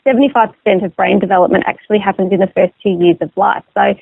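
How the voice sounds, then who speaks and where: Female interview guest, explanatory and chatty, gravelly fry in the voice, tinny telephone sound. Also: medium pitch, fairly even intonation, fast talker, no echo. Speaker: magazine editor as interview guest. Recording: narrow phone line sound.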